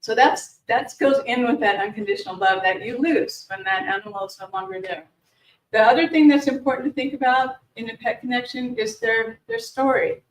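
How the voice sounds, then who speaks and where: Speaking to a live audience in a meeting room, a woman runs an informal grief workshop, conversational in tone and frequently restarting or repeating her words. Her voice is on the high side with lively intonation and a fairly quick pace, and the distant room mic leaves her far off in an echoey space with slight background noise.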